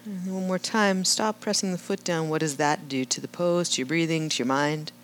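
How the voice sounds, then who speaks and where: Woman yoga instructor, low-pitched, steady class cueing, faint background hum. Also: moderate pace. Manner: calm, cueing breath and movement, with rhetorical "right?". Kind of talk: guiding a live yoga class.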